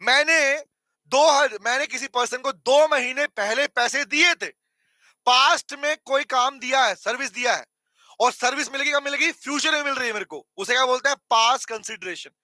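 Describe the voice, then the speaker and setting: A man's voice: very high-pitched, normal speed, bright, forceful tone, no echo, clean studio sound. An Indian man teaching an online law lecture, mixing English terms into Hindi, often repeating points and asking his students to reply. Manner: addresses students as beta, asks for replies, repeats points.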